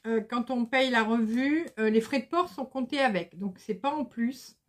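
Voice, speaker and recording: A woman's voice: on the high side, moderate pace. A middle-aged woman chatting casually to her viewers about embroidery magazines, hesitant and full of fillers. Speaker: embroidery vlogger. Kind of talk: casual chat to camera.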